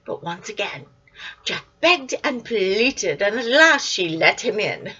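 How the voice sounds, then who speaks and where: An older woman reading a children's storybook aloud, animated, dropping into whispered asides, recorded with a dull lo-fi sound. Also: medium pitch, slow, husky.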